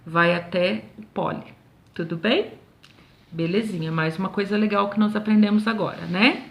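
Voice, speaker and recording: A woman's voice: medium pitch, fairly even intonation, vocal fry. A woman teacher with a Brazilian accent, correcting homework for her pupils in a recorded lesson, patient and checking in often. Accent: Brazilian Portuguese. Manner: patient, slow and drawn out, checks in constantly with "tá bom?". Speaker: schoolteacher.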